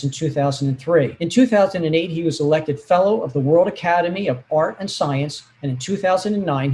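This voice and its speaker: A man's voice: a little high, darkish tone, a little hiss or hum. A man hosting a medical podcast, reading a formal introduction of his guest and then asking him questions. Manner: reads a formal list, then asks eager questions. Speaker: podcast host, physician.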